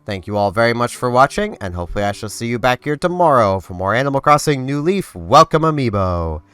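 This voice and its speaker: Very animated and fast, this young gaming-channel host has a medium-pitched, congested voice that's clear, resonant and a bit bright. He rambles casually over his gameplay, heavy on fillers and prone to cutting himself off and restarting. Faint game music plays beneath a dry, close recording.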